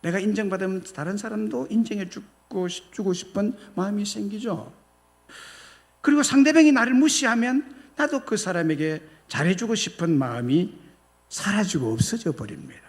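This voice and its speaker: A male pastor preaching a sermon, slowing down to stretch out key words. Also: high voice. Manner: animated, with slow drawn-out emphasis.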